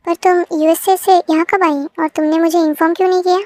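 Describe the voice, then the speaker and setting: A woman's voice: very high voice, level tone, a little fast, darkish tone, no room sound. A woman voicing a cold, commanding young businessman in an amateur fan dub. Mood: surprised. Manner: commanding, curt.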